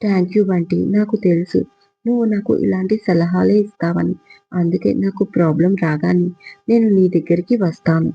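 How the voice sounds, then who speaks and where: A man voicing an impulsive young woman who talks in quick, dramatic bursts, in a storybook reading. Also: high voice, fairly even intonation, creaky, slightly rough, dry recording, lo-fi sound, soft background music, full character voice. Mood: grateful.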